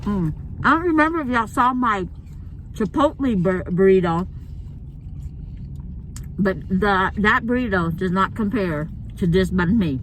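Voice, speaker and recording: Woman, casual mukbang vlogger, chewing while talking, savoring mm sounds, medium pitch, noisy car interior. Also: lively intonation, measured pace, long pauses. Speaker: food vlogger hosting a mukbang. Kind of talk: casual chat to viewers while eating. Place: inside a parked car in a parking lot at night.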